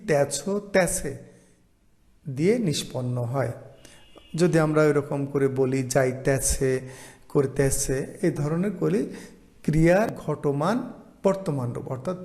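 A man teaching an online lesson, explaining slowly and reading out example phrases. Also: fairly high pitch, creaky, dark tone. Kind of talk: online lecture.

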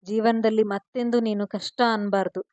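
A woman voicing a loving young husband, speaking softly and gently in a storybook reading. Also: mid-range voice, steady tone, moderate pace, dry recording, close to an everyday voice. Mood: tender.

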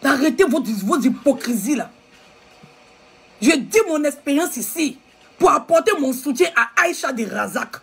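In an angry live video rant, a social media commentator with an Ivorian French accent scolds her viewers in a heated, repetitive way. Her voice is high, animated and creaky, at a moderate pace.

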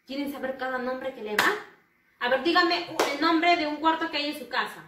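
A woman teaching English to young children in an online lesson, speaking slowly and having the class repeat each word after her. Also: high voice. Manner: slow, repeating words for children to say back. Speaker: primary school English teacher. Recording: roomy, slightly distant, faint noise.

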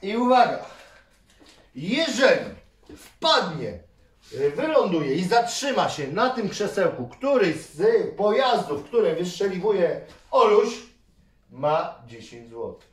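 A man, a father and channel host, giving energetic, cheering toy-game commentary for kids and counting down each try. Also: sits high, slow pace. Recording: roomy, distant mic, faint noise.

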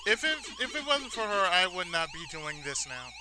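A man with a high voice whose pitch swoops wildly talks at a moderate pace, hosting a let's-play. He rambles sentimentally and casually, repeating phrases, against noisy arcade-style game sounds.

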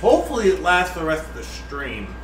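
A somewhat high-pitched man with wildly swooping pitch talks briskly as a drunk livestream co-host, bantering casually and joking and swearing as he goes. He's tipsy and profane, and he's indoors in a home kitchen. A distant room mic makes the sound roomy, with faint noise.

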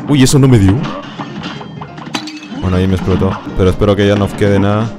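A man's voice: on the low side, brisk. A man streaming a game, giving running commentary, muttering to himself, barking orders at his character and yelping when things go wrong. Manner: excitable, yelps and laughs at the game. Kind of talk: live gameplay commentary. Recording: streamed voice over loud game music. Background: game music.

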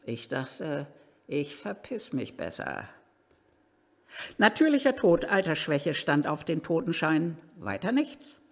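Male reader, live first-person reading; slow, animated pitch, echoing gatehouse hall. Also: creaky. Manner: slow and expressive, with swings into excited outbursts. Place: old gatehouse at a historic cemetery. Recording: reverberant hall.

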